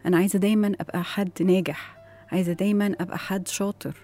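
An Egyptian woman speaks as an education expert on a talk show. Her voice is husky and mellow, and she talks very fast. She explains step by step and keeps asking rhetorical questions. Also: mid-range voice, fairly even intonation. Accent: Egyptian Arabic. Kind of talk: explaining in an interview.

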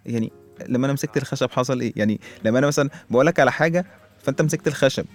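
A man with an Egyptian accent races through a comic monologue as a show host. He keeps chuckling and firing rhetorical questions at his listeners. Soft music plays faintly behind him. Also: mid-range voice, very fast.

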